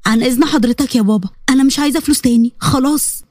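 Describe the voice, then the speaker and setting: A woman's voice: high voice, very fast, darkish tone, a little hiss or hum, lightly acted. A woman voicing a poor young university student with an Egyptian accent, polite, hurt and pleading.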